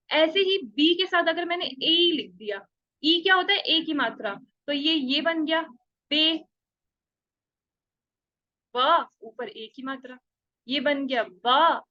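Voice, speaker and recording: A woman's voice: high voice, bright, forceful tone, muffled recording. A woman teaching a beginners' Spanish class online, stretching out letter sounds and checking often that students follow. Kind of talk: online language lesson.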